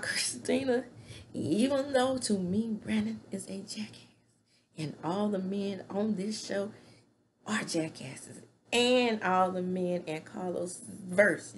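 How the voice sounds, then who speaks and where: Sitting in a small room at home, a middle-aged woman offers casual, opinionated commentary recapping a reality show, gesturing as she chats. Her voice is mid-range, and the desk-distance webcam picks up slight background noise.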